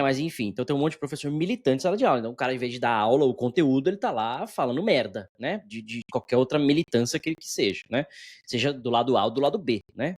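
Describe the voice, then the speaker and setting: A man at a medium pitch with a slightly hoarse voice, talking quickly and energetically, almost anxiously, straight to camera. He is blunt and swears freely, packing his talk with filler tags as he rants. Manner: fast, energetic, anxious delivery. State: slightly hoarse, clearing throat. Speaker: instructor, channel host. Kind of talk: casual solo vlog monologue.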